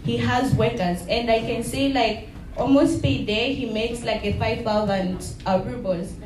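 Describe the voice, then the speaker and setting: A woman from Zambia giving a soft-spoken, hesitant personal testimony at an event. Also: on the high side, fairly even intonation, a little slow, background noise. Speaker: guest speaker. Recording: roomy sound from a distant mic.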